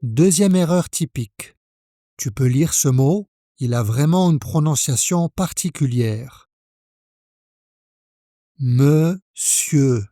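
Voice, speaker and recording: Slow, soft-spoken French teacher. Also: male voice, a little high, expressive, dry recording, clean studio sound. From France. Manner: slow, careful, spells out sounds for the learner. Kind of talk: pronunciation lesson.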